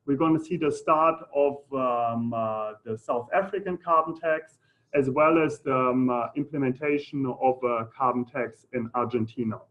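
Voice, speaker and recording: A man from Germany with a German accent, giving an informal presentation in a halting, hesitant way. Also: mid-range voice. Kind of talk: informal conference presentation with audience questions. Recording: muffled phone-like audio.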